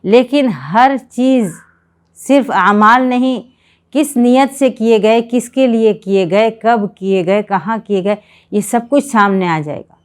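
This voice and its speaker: A woman giving a religious lecture on a Quran chapter, speaking in earnest, measured exhortation with repeated phrases. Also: on the high side, clean tone.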